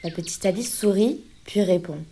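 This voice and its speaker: A woman narrating a children's fable aloud in a gentle, clear storytelling manner. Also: mid-range voice, moderate pace, a little hiss or hum. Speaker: story reader.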